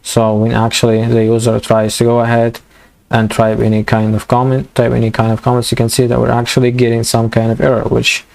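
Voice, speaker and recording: A young man walking through a coding tutorial in a halting way, full of fillers and restarts, as his voice gives out. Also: mid-range voice, completely flat delivery, vocal fry, darkish tone. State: losing his voice. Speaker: programming tutor. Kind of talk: screen-recorded coding tutorial.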